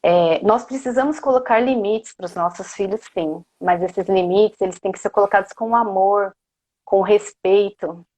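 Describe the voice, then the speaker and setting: Brazilian woman coach, mid-pitched, lecturing a parenting seminar, stacking up rhetorical questions. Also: measured pace, darkish tone. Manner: keeps asking the audience rhetorical questions; often ends phrases with a questioning "né?". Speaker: coach giving a parenting talk. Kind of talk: motivational lecture.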